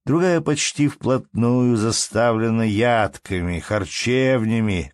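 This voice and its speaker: A man's voice: mid-range voice, no room sound. Man narrating an audiobook, dry sound.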